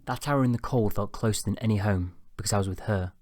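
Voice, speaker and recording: A man reading a first-person novel aloud in a calm, low-key storytelling manner. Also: fast talker, no room sound, studio quality. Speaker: audiobook narrator. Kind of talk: first-person audiobook narration.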